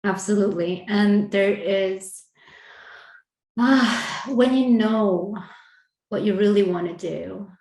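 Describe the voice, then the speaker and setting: A woman's voice: mid-range voice, slow, long pauses, a little mellow. Earnest woman talking in a roomy space. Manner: earnest, laughs between phrases, restarts. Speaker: podcast co-host. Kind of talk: casual spiritual conversation. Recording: roomy echo.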